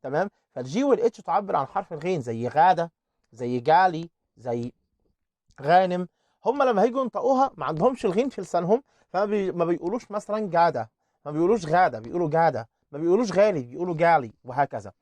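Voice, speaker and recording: A man with an Egyptian Arabic accent teaching an online English lesson, repeating words slowly to drill their pronunciation. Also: high voice, darkish tone, dry recording.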